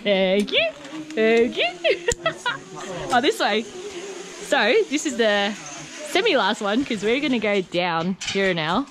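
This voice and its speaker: A travel vlogger at an outdoor jungle adventure park gasps, laughs and exclaims nervously as she goes, in excited on-the-go chat. Her voice is on the high side, sing-song and slow, and the outdoor camera audio is noisy.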